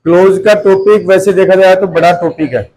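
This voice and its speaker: A man with a high, bright-pitched voice lectures a classroom of students. He repeats each point and keeps checking with rhetorical questions whether the class follows. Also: fairly even intonation, a little fast, low-quality recording. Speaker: tuition teacher.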